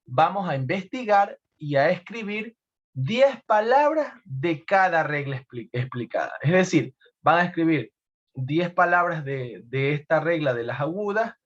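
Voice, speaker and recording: A man's voice: on the high side, big pitch swings, unhurried, muffled recording. A male teacher from Ecuador giving a recorded lesson, explaining step by step and repeating key points with emphasis.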